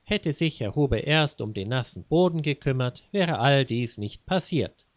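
A man's voice: medium pitch, animated, normal speed, no room sound. Wry man narrating a grammar lesson story. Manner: didactic, wry. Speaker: language teacher.

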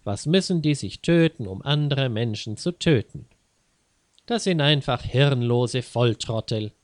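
A man's voice: mid-range voice, animated, a little slow, no room sound, lightly acted. A clumsy, grumpy husband who gripes and rants at length, voiced by a male narrator. He sounds close and dry, with a plain mid-range voice. There is little change from the narrator's own tone. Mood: ranting. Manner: grumbling, ranting.

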